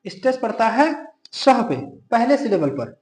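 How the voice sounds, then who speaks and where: A male teacher runs through a grammar lesson with a high, light voice, firing short questions and answering them himself. He slows down to repeat each rule word by word, and the sound rings around a roomy, echoey space. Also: sing-song, a little mellow. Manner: drills students with quick questions he answers himself; repeats key rules slowly for emphasis. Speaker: English teacher. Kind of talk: grammar lesson explained in Hindi.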